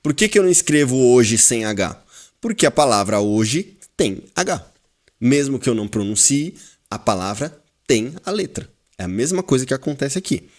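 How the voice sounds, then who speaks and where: A man with a Brazilian Portuguese accent teaching a class, explaining slowly and repeating words while quizzing his students. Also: mid-range voice, very animated. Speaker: Hebrew teacher. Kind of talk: classroom lesson.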